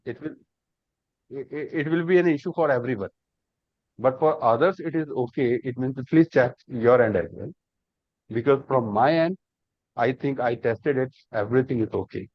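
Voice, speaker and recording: At normal speed and in a mid-range voice without echo, a man runs a live online class on cloud computing. He builds explanations step by step, repeating himself and asking rhetorical questions, in dull, dry lo-fi class audio.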